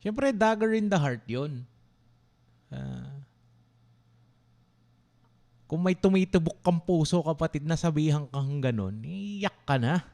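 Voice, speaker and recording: Animated young man from the Philippines. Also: fairly high pitch, takes it slowly, vocal fry, pauses often. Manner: animated, dramatic storytelling; asks viewers to respond. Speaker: law school vlogger. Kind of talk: casual storytelling livestream.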